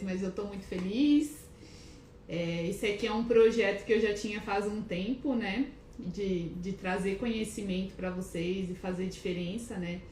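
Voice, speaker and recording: A woman hosts a casual live stream from her clinic office, chatty and a little nervous, greeting viewers by name and restarting hesitantly again and again while calling herself shy. Her mid-range voice is a little mellow. The room echoes, with faint background noise.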